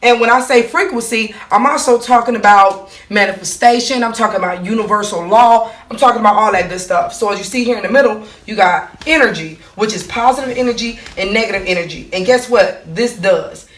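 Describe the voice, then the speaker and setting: A woman's voice: mid-range voice, a little fast, hardly any pauses, fairly bright tone, recorded from a distance. A woman explaining her monthly cycle in a casual way, asking herself rhetorical questions, answering them, and checking in with "okay?" and "right?". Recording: echoey room.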